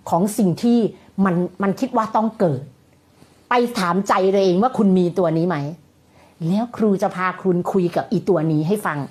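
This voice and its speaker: A woman's voice: mid-range voice, moderate pace, a little mellow. A woman giving a motivational talk as a coach, emphatic and blunt with coarse slang.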